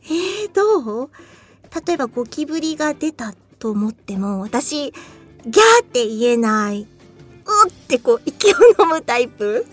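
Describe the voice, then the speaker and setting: High voiced japanese-style chatty woman, voice goes all over the place, soft music behind. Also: big pitch swings, unhurried. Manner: chatty, laughs often, mimics screams. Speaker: voice actress hosting a talk show. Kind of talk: casual solo chat.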